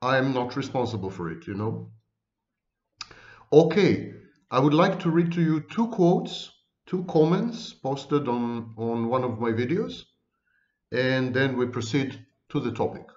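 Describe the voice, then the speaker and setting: A man with a thick foreign accent, lecturing on psychology in an emphatic way, stacking word after word with long pauses. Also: mid-range voice, expressive, darkish tone, echoey room, highs cut off. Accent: foreign accent, non-native English. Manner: emphatic, lists words one by one with long pauses. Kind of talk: lecture to camera.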